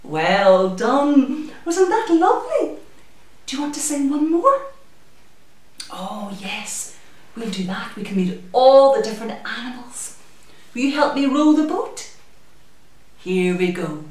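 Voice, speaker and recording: A middle-aged woman runs children's story time in a small room at a community library, chatting with puppets and singing songs with small children in an animated, sing-song style. Her voice is high and slow, with frequent pauses. A camera a few metres away picks her up, and the room is very echoey.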